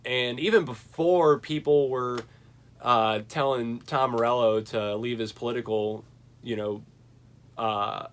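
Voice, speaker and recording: A young man talks loosely through the records he has bought lately, enthusiastic and rambling. He reaches for fillers and restarts as he thinks aloud, with a voice of middling pitch. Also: fairly bright tone. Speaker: vinyl collection reviewer. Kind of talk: casual record collection chat.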